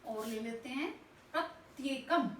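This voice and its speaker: A woman teacher slowly and patiently spelling out words sound by sound, asking and answering her own questions. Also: sits high, fairly bright tone, distant mic. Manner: slow, patient, spells out each sound step by step. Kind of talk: classroom lesson explaining spelling. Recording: echoey room, voice off-mic, faint background noise.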